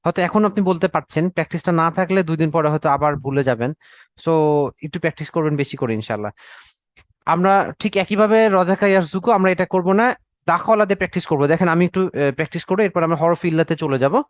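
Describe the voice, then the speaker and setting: A young man teaches an online class, drilling Arabic verb forms and often pausing to ask "okay?" He speaks Bengali with English words mixed in, talking fast in a voice on the high side, with no room sound.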